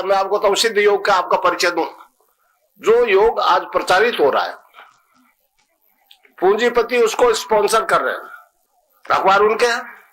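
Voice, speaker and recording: A man's voice: sits high, a bit bright, rough recording. A man, preaching as a spiritual teacher to a live audience, emphatic, repeating his phrases and leading a mantra chant.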